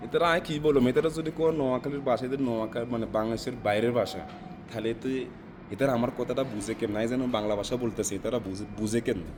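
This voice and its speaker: Fast-talking man with Noakhali Bengali accent. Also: medium pitch, background noise. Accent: Noakhali Bengali dialect, non-native. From South Africa. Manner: rambling, keeps asking "right?". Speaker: interviewee. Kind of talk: casual interview answers.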